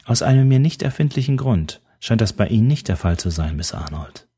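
A man reading an audiobook who voices a weary older journalist, calm and dry in manner. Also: on the low side, fairly quick, breathy edge. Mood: cutting. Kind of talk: audiobook character voice.

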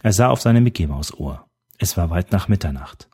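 Man, audiobook narrator, very low voice, dark and husky, steady delivery. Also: moderate pace.

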